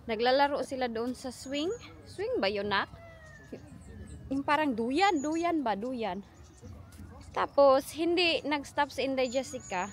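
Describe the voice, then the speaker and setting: A woman vlogging while she walks her children home, chatting casually and switching between Tagalog and English. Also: on the high side. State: out of breath. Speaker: mother vlogging a walk home with her kids. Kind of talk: casual vlog chat. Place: outdoors on a street, walking.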